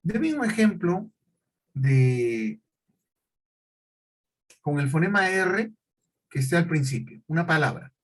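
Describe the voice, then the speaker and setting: Man, teacher, classroom lecture, husky voice, fairly high pitch, slow deliberate explaining. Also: very animated, poor audio. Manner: questioning, repetitive explanations with check-ins.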